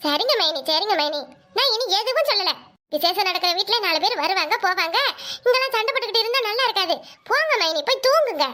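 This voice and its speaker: A whiny, scheming young sister-in-law from a village cartoon comedy, voiced by a woman. Her voice is very high and bright, and she grumbles and wails over her troubles. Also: animated, fast, full character voice. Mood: grumbling. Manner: wailing, complaining village comedy lament.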